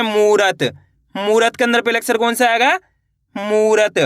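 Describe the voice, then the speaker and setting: A man a high, bright voice teaches reading. He drills each word slowly, asks the viewer to repeat it, and stretches out the syllables. The sound is clean and dry, close to the mic. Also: clean tone, no echo. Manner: slow, repetitive, quizzing the viewer. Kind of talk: step-by-step spelling lesson.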